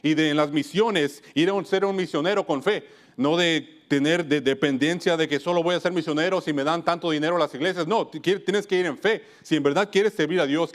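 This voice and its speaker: Earnest higher-voiced man preaching a sermon. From United States (Wisconsin). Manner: earnest, often restarts and corrects himself mid-phrase. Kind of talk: church sermon.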